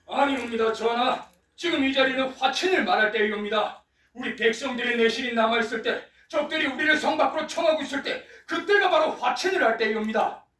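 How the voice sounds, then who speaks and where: A man's voice: very high voice, brisk, bright, forceful tone. A man playing a pragmatic royal minister in a historical stage drama, pleading firmly in formal, archaic court language. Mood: grave pleading. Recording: echoey hall, distant microphone.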